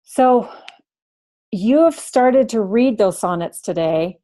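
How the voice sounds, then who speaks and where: A woman teacher giving an online high school humanities lesson, explaining slowly and thinking aloud as she goes. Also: animated, mellow. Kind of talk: online class lecture.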